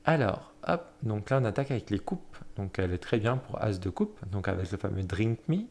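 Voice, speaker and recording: A man with a somewhat low voice walks through a tarot deck card by card. His talk is loose and halting, with frequent fillers and quick corrections. He keeps stopping to admire each card in a soft, plain tone. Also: lively intonation. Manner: hesitant, many fillers and self-corrections; admiring, soft-spoken commentary. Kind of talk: casual deck flip-through.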